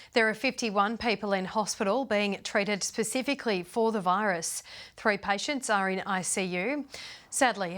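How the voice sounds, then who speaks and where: A woman with an Australian accent presenting the evening news in a measured, formal read. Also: mid-range voice, a bit bright. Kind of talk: scripted news reading.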